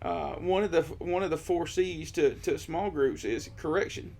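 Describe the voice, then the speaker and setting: A man on a ministry team, talking through ideas in an earnest, halting way on a podcast. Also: on the high side, gravelly, darkish tone. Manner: earnest, halting, rephrases mid-thought. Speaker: discipleship ministry team member. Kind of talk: conversational podcast discussion.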